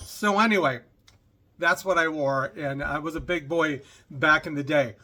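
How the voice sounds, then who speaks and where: A man's voice: on the high side, moderate pace, bright, forceful tone, soft background music. A middle-aged man telling a personal story to the camera in a chatty, rambling way, full of asides and fillers.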